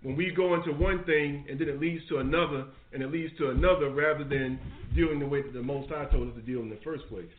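A man teaching a live-streamed Bible study, reading verses aloud and retelling scripture in an animated, preachy way. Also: fairly high pitch, quick pace, few pauses, a little hiss or hum. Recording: echoey, phone-like stream audio.

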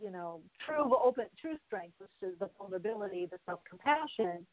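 Female host, thoughtful and unhurried in phrasing, mid-pitched voice, dry tinny phone-line sound. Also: expressive, a crowd in the background. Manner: reflective, many fillers. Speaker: interview host. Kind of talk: interview talk.

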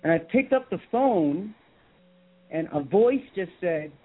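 Radio call-in caller: Canadian man, a bit high-pitched, halting and repetitive, thin phone-quality audio. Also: lively intonation, breathy edge. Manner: hesitant, restarts with repeated words. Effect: phone-line caller audio. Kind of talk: telling a personal story on a call-in show. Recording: tinny phone-like line.

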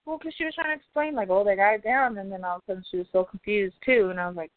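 A woman's voice: medium pitch, very fast, no room sound. A woman co-hosting a casual fight-sports talk show, blunt and opinionated, swearing now and then. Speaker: podcast co-host. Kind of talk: casual chat. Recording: tinny phone-like audio.

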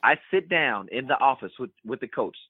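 A man, a former college basketball player and podcast guest, telling a personal story in an animated way and repeating words for emphasis. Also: medium pitch, brisk, breathy edge, dry recording. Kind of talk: candid storytelling in a podcast interview. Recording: tinny remote call line, dry.

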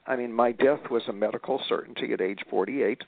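Older man with a gravelly voice on a phone line. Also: medium pitch, brisk, no room sound. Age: 70s. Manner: emphatic, repeats starts, many fillers. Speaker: guest author. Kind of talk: casual interview talk.

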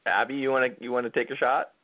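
A man's voice: mid-range voice, steady tone, fast. A man co-hosting a talk radio show, explaining conflict skills in a hesitant, thoughtful way. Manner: hesitant, thoughtful, filler-heavy. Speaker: co-host, conflict coach. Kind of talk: casual advice talk. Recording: phone-like lo-fi sound.

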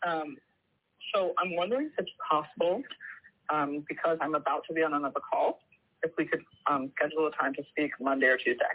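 A woman's voice: sits low, a little fast. A reporter, a woman, speaking over the phone in a polite, hesitant way, with many ums. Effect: heard over the phone. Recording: tinny phone line.

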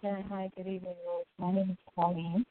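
A woman calling in to a radio advice show, her voice muffled as if heard through a wall, talking quietly and hesitantly. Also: fairly low pitch, flat delivery, brisk, background noise. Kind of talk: call-in chat. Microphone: telephone. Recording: muffled tinny phone line, dry.

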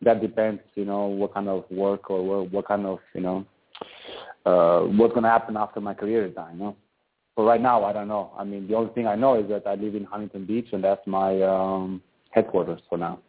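A man from Albania calls in to chat about his sport, his voice sitting fairly low. He rambles on and drops "you know" into nearly every line. The sound is thin and tinny, squeezed through a phone line. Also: level tone, brisk. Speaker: professional volleyball player, guest. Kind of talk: casual phone interview. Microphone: phone call.

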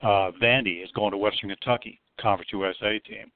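A man from Florida calling in to a radio show over the phone, chatty and rambling as he piles on quick points. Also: on the low side, steady tone, clear, resonant tone. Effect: heard over the phone. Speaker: radio call-in caller. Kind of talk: casual call-in chat. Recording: tinny phone line, dry.

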